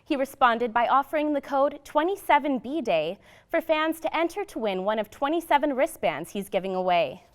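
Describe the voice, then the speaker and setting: Delivering a TV-style news bulletin, a young female reporter and anchor reads from a script in a presentational way. Her somewhat high voice has lively intonation and a normal speed.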